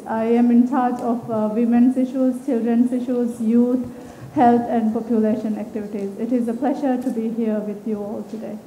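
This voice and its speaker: A woman on a panel giving a measured, formal introduction of herself. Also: a little high, mellow, roomy sound, big-room sound, slight background noise, low-quality recording. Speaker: regional official on a panel.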